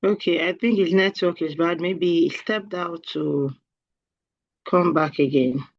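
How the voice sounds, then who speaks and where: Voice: medium pitch, a little slow, no room sound. A host runs an online meeting over a video call with short, practical remarks, checking the sound and the shared screen. The audio comes through dull and close, with no room sound at all. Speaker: webinar host.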